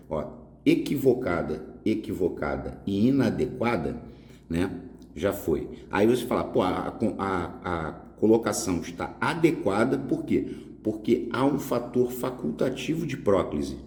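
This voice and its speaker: A man's voice: on the low side, dark tone. A man teaching a casual exam prep grammar lesson, explaining step by step and answering his own questions. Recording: echoey room with long reverb.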